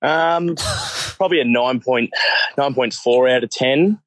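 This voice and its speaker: A man's voice: medium pitch, unhurried, no echo. An Australian man chatting casually as a phone-in guest, with a slangy, laid-back tradesman's way of talking. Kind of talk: casual banter.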